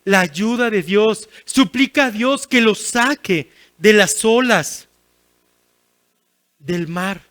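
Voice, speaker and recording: A man's voice: high voice, slow pace, long pauses, fairly bright tone. A man preaching a sermon as guest pastor, earnest and pleading, with repeated phrases and touches of self-deprecating humor. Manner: earnest, repetitive pleading cadence.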